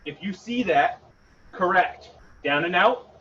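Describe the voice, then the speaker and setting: A man with a high voice leads a workout as a coach, calling out moves and punch combos in short, clipped cues. He is some way from the microphone in a gym. The sound is dull, with background noise. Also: animated, slow, fairly bright tone. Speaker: fitness coach leading a home HIIT workout. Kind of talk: live exercise instruction with short cues and counts. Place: indoor garage-style gym. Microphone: camera several metres away. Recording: distant mic, muffled, noisy gym.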